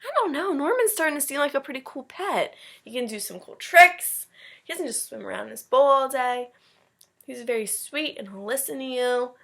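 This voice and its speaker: A woman with a high, creaky, fairly bright voice reads a storybook aloud as a teacher. Her animated reading is sprinkled with chatty, encouraging asides in simple words for children.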